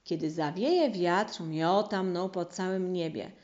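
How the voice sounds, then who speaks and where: A woman voicing a gentle, drifting talking cloud in a storybook, speaking slowly and wonderingly. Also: lowish voice, highs cut off.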